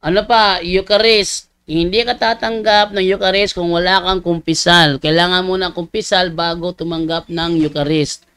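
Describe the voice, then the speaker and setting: High, smooth-voiced priest answering questions. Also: male voice, steady tone, moderate pace, sharp tone, dry recording. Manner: reads viewer messages aloud, then explains plainly. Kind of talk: live question-and-answer show.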